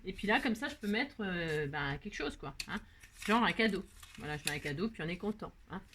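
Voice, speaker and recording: A middle-aged woman chats casually while working through a crafting tutorial, talking both to herself and to her viewers with many fillers. Her mid-range voice has lively intonation and a brisk pace, with background noise behind it.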